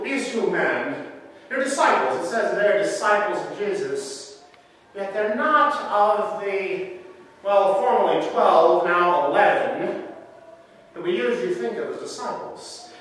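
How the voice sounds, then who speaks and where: A male pastor telling a story in a lively sermon, acting out the scenes as he goes. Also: high voice. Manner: animated storyteller, acts out scenes with shifting voice. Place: church sanctuary. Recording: echoey church hall from far off.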